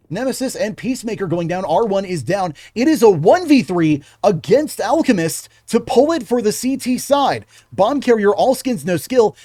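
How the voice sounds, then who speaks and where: High-voiced male game commentator. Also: dark tone, no room sound. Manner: brisk play-by-play, breaks off to chat.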